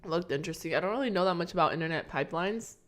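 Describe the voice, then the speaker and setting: A woman's voice: on the low side, very fast. A young woman chatting casually on a live stream, meandering and talking to herself while she eats breakfast at her desk.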